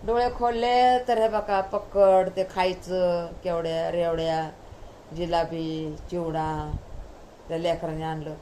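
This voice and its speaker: A woman's voice: fairly low pitch, fairly even intonation, slow, warm tone, a little hiss or hum, rough recording. A middle-aged woman telling a homespun devotional story at home, repeating each line twice in a rhythmic, heartfelt way. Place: at home at night.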